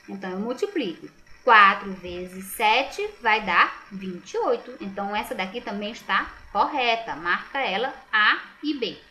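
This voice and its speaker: A medium-pitched, bright and forceful voice belongs to a Brazilian woman teacher speaking with a Brazilian Portuguese accent. She works patiently through the correction of a school exam, checking answers out loud by asking rhetorical questions and supplying the answers herself.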